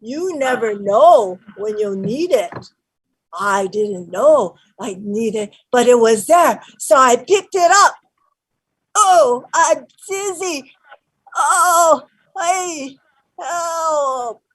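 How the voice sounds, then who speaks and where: A fierce old grandmother, played by an actress on stage, her voice set high and swinging wildly up and down. She talks in slow, broken English, with bursts of shouting that drop into hushed murmurs. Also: lively intonation, husky, full character voice, low-quality recording. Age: older. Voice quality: broken English, shifting between shouts and whispers. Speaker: actor. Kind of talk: live-streamed stage play.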